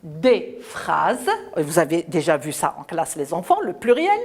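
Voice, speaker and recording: A woman's voice: deep voice, wildly swooping pitch, brisk, darkish tone. A woman primary school teacher giving a televised French lesson to children, speaking emphatically and repeating words and sounds so young pupils can follow. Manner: sing-song, encouraging teacher talk.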